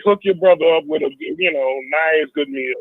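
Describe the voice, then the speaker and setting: A man's voice: fairly high pitch, normal speed, no room sound. Strong-voiced man on a dull phone-in. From Detroit, United States. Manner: jovial, laughs often. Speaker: caller. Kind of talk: casual radio call-in chat. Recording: dull, band-limited call.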